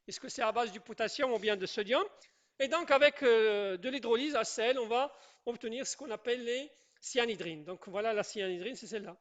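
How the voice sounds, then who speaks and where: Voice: mid-range voice, fairly quick, fairly bright tone. A chemistry teacher giving a classroom lecture at the board. The teacher often repeats points, checks in with the class, and quizzes students and praises their answers. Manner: repetitive, checks in with "d'accord?" and "je répète".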